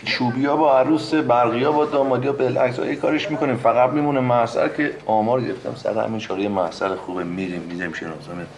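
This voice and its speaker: A man's voice: medium pitch, steady tone, few pauses, crowd noise, natural voice. An actor playing a brash young male suitor who talks with bold, lecturing insistence. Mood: coaxing. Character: cocky young male suitor, pushy and preachy. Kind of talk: comic screen acting. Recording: noisy background hiss.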